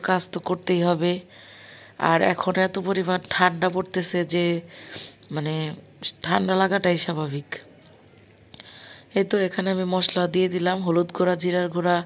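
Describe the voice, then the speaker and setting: Hoarse young mother vlogging at home. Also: on the low side. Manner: chatty, talks while doing housework and cooking. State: hoarse from a cold. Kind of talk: casual vlog narration. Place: home kitchen.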